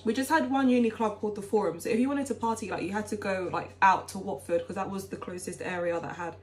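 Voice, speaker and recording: A woman's voice: medium pitch, fast. A young woman from England with a London accent, telling a casual storytime and saying 'like' a lot. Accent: London English. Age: young adult.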